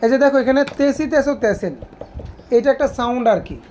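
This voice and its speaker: Woman teacher, high-pitched, drills the class with repeated questions. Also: fairly quick, mellow, a little hiss or hum. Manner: asks students repeated questions. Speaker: English teacher. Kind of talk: classroom grammar lesson.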